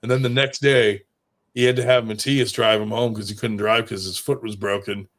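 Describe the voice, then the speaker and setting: A man's voice: on the low side, little pitch movement, moderate pace, a bit bright. A man telling stories in casual chat, rambling and swearing freely, with lots of fillers. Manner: rambling and profane, with many fillers.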